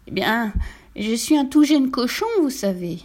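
Woman doing a high squeaky sly piglet, storybook voice. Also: expressive, measured pace, a little mellow. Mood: sweetly sly. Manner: high sighing pleading voice. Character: cunning little piglet, sweet and crafty.

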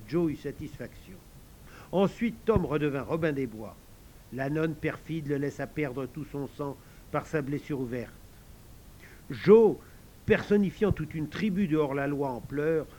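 A man narrating an audiobook with expressive storytelling. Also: fairly high pitch, moderate pace, slight background noise.

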